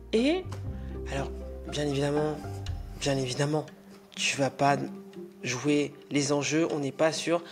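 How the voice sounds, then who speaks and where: A woman host talking casually and chattily straight to the listener about spirituality, with a joking tone. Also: fairly low pitch.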